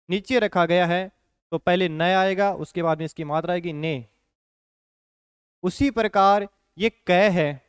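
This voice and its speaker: Guy teaching shorthand, slow and patient, fairly high smooth voice, keeps asking "ok?". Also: dry recording, studio quality. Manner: patient, repeats points with frequent "ठीक है" check-ins. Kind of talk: classroom lesson explanation.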